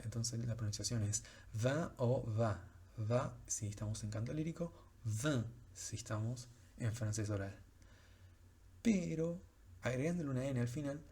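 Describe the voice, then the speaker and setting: A man's voice: mid-range voice, warm tone, breathy edge. A man teaching French pronunciation in a recorded lecture, explaining patiently with frequent fillers.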